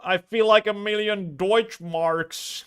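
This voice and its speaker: A man putting on the voice of a gleeful, eccentric German army medic from a game, with a slow, hammy delivery. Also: high-pitched, clear, resonant tone, pitched above the performer's own voice.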